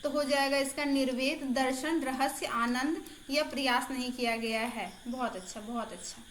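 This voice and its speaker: A woman's voice: sits high, moderate pace, fairly bright tone, echoey room, slight background noise. A woman exam-prep tutor in a casual online lesson, chatty and encouraging, repeating answers aloud.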